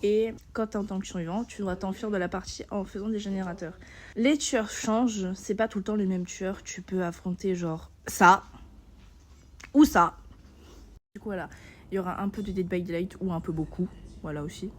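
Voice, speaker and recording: A woman's voice: medium pitch, fairly even intonation, moderate pace. A young woman, a beginner gaming vlogger, chatting casually to her viewers in a rambling way full of fillers. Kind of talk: casual vlog chat.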